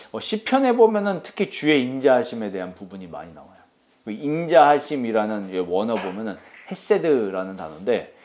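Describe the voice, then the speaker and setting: A man's voice: medium pitch, darkish tone. A man in his thirties preaching a Sunday sermon as pastor, in a casual, conversational way, asking his listeners questions and laughing now and then.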